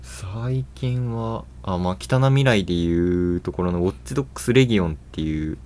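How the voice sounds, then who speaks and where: A man in casual podcast chat who talks fast and eagerly about games and films, laughing often. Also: sits low. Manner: excited fast-talking gamer enthusiasm, laughs often. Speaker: podcast co-host.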